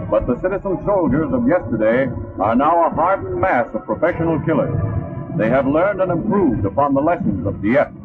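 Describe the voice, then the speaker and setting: Old 40s newsreel narrator guy, highish declamatory voice, stirring war script, tinny old film sound. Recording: tinny band-limited 1940s newsreel soundtrack. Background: loud orchestral newsreel music.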